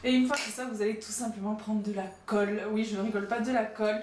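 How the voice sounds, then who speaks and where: A woman's voice: medium pitch, steady tone, fast, a little mellow. Chatty young woman in an echoey room. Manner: chatty, with frequent "donc" and light self-mocking asides. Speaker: makeup vlogger. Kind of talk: casual makeup tutorial narration. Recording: roomy sound with faint background noise.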